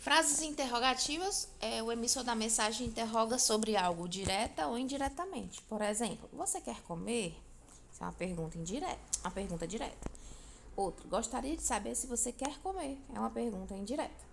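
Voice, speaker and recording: A woman's voice: a little high, animated, a little fast, vocal fry, a little hiss or hum. A woman, teaching a recorded grammar lesson, explaining step by step and often checking in with her students.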